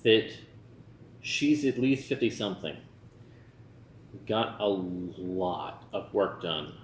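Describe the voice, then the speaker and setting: Kinda drunk guy rambling thru a casual movie review, deepish voice, echoey room. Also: animated, takes it slowly. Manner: tipsy, loose and rambling. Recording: roomy echo with background noise.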